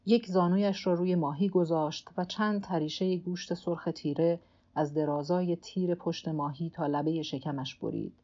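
Low, mellow woman reading a novel aloud. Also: fairly even intonation, dull audio. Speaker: audiobook narrator. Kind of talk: scripted literary narration.

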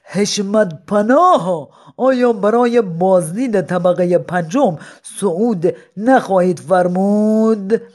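A reader voicing an old man, a retired politician, who speaks slowly in flowery formal phrases. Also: mid-range voice, animated, darkish tone, natural voice. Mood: ceremonious. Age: older. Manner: slow, flowery, formal address.

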